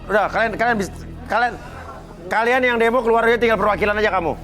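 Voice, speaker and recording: A man's voice: sits high, fast talker, some chatter behind. A man with a Jakarta accent hosting an unscripted reality show, repeating short commands and questions as he mediates. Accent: Jakarta Indonesian. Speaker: TV show host. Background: loud music.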